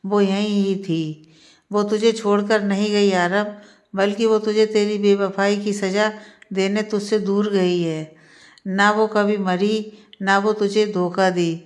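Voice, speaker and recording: A stern middle-aged mother who presses the same point again and again in a storybook tale, as a woman narrator voices her. The delivery is flat and level, middle in pitch, insistent and reproachful. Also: lightly acted. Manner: insistent, repeating claims.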